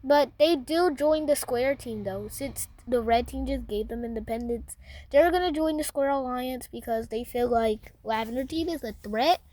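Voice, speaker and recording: High-voiced woman, casual map commentary, rambling, slangy, playful. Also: moderate pace, warm tone, low-quality recording. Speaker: mapping channel narrator.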